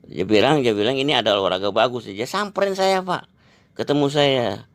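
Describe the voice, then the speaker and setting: A man's voice: mid-range voice, expressive, a little fast, dry recording. A man, telling a long rambling story and dropping "gitu" and "Pak" again and again. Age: 70s. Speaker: exercise teacher. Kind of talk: casual storytelling to an interviewer.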